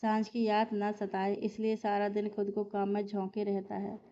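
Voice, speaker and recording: Playful, teasing young friend, read by a woman narrator, monotone, slightly muffled. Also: medium pitch, normal speed, close to an everyday voice. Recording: slightly dull lo-fi recording.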